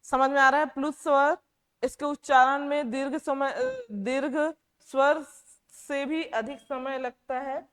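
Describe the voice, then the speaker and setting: A woman teaching a class, asking questions and repeating key words slowly. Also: high-pitched, fairly even intonation, fairly bright tone, big-room sound. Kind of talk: classroom lecture.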